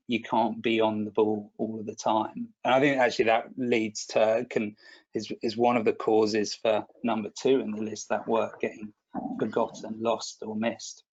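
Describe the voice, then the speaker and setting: A man's voice: lowish voice, darkish tone, slightly rough, dull audio. A man presenting a product webinar in a chatty, self-deprecating way, often restarting and repeating words.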